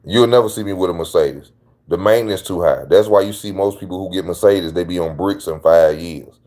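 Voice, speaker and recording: This is a man with a lowish voice talking straight to his channel's viewers. His commentary is casual and slangy. He drives his points home by repeating them. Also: a little fast, a little mellow. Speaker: channel host.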